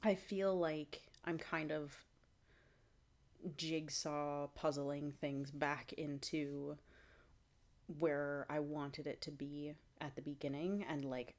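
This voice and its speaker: A young woman giving a casual fitness vlog update, rambling with fillers and restarts, clearing her throat now and then. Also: low voice, fairly even intonation, slow pace. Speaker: vlogger.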